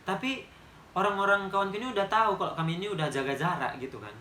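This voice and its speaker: A man's voice: sits high, lively intonation, quick pace, sharp tone, a little hiss or hum. Emphatic young man with a Medan accent. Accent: Medan Indonesian. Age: 20s. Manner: emphatic, chatty storytelling. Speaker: vlogger. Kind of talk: casual storytime monologue. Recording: roomy echo.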